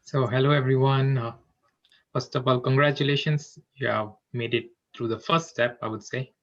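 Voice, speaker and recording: A man's voice: mid-range voice, steady tone, moderate pace, fairly bright tone, dull audio. A young man in his twenties, a graduate assistant, introducing himself politely with some hesitation on a video call.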